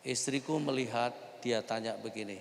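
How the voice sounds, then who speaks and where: A middle-aged male pastor, preaching a sermon in a church and telling his stories in an animated way. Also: mid-range voice, normal speed, gravelly. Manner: animated storyteller, plays out voices in his anecdotes. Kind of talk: sermon with personal storytelling. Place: church during an Easter service. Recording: church hall reverb, faint background noise.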